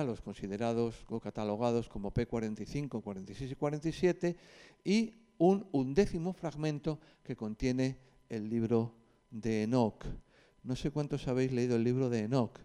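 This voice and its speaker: A man with a Spanish accent gives an informal, conversational lecture to a group, teaching as he goes with hesitant pauses and side remarks. His voice sits in the mid-range and sounds mellow and smooth.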